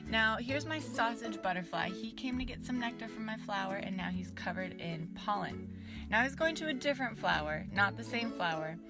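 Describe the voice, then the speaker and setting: A young adult woman presenting casual educational science outdoors in a bright, curious, enthusiastic and chatty manner. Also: mid-range voice, animated, normal speed, over loud music. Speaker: science show host. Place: outdoors in a backyard.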